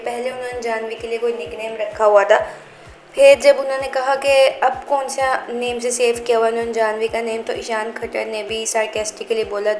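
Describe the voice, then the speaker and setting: A woman's voice: fairly high pitch, roomy sound, poor audio. A woman hosting a celebrity gossip channel, giving a scripted, chatty narration and mixing English words into her talk. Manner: chatty, reads viewer comments aloud, mixes English into Hindi.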